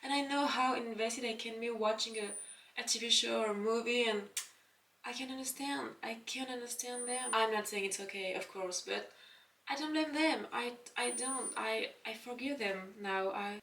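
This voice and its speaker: A young woman putting on a self-assured star actress, once hated for a villain role and now serenely forgiving, speaks in careful French-accented English. The tone is soft and bright, the pace unhurried, and a roomy bathroom echo rings around each answer. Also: a little high, distant mic. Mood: calm, then gracious. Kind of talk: pretend celebrity interview in front of mirror. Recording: echoey bathroom.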